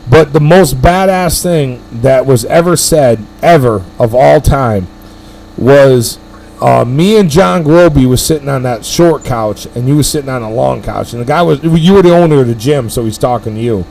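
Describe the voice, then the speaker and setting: A man's voice: medium pitch, expressive, moderate pace, gravelly, a little mellow. A middle-aged man hosting a powerlifting live stream, telling stories in a rambling, profane, emphatic way. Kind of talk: casual storytelling chat.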